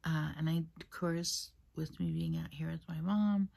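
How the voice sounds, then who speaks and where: Recorded at her mom's house on the camera's own microphone with no separate mic, this beauty vlogger talks through her makeup in a casual get-ready-with-me chat. Her deep, gravelly voice moves at normal speed, soft and half-whispered as she rambles.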